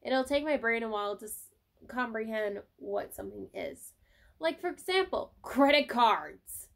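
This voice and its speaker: High-voiced young woman vlogging. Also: animated, unhurried, a bit bright. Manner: rambling, chatty, casual swearing. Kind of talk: casual chat to camera. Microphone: cell phone.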